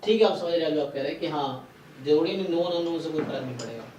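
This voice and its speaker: A man teaching statistics in a live online exam-prep lecture. He mixes English terms into Hindi and explains slowly and deliberately, often checking with questions to his students. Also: on the high side, noisy background. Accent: Indian English terms mixed into Hindi. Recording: roomy and distant from the mic.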